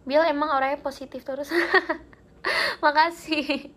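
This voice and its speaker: A woman's voice: high voice, very animated, unhurried, fairly bright tone. A young woman hosting a live stream, chatting casually with viewers and telling spooky stories in a giggly way. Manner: chatty and giggly, reads comments aloud.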